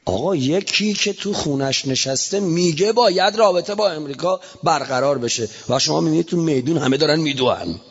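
A man preaching a fiery religious sermon, swinging between shouting and low storytelling. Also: lively intonation, few pauses, husky. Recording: lo-fi recording in a reverberant hall.

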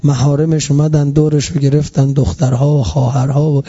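On a muffled lo-fi recording, a man preaches a grieving sermon in a slightly high, level, somewhat rough voice. He repeats himself with passion, his volume rising and falling again and again.

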